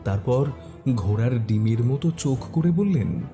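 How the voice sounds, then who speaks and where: A man narrates a scripted detective story in the first person, his medium-pitched voice carrying lively intonation at a slightly slow pace. A prominent music bed plays behind him.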